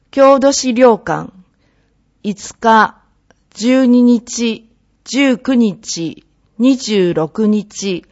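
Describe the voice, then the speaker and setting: A woman reading a public notice of facility closures in a slow, measured way, as a municipal announcer. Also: on the high side, dull audio.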